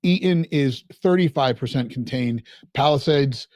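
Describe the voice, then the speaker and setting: A man's voice: medium pitch, measured pace, darkish tone, dry recording. A man hosting a casual podcast, rambling a little and reading out numbers. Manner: rambling, reads out figures. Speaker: podcast host.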